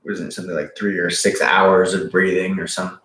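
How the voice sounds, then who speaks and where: Low-voiced man fumbling for words. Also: little pitch movement, a bit bright, roomy sound, a little hiss or hum. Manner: halting and searching for words, swears. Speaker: podcast co-host. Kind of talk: casual book discussion.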